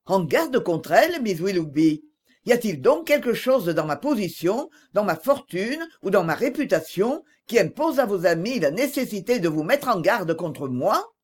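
A woman's voice: mid-range voice, very animated, normal speed, darkish tone, slightly rough. A woman reading an audiobook voices a passionate young man who speaks reproachfully.

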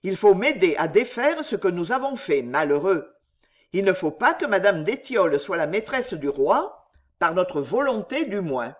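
A reader voicing a proud man poet who declaims with booming indignation. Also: very animated, normal speed. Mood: stern, commanding.

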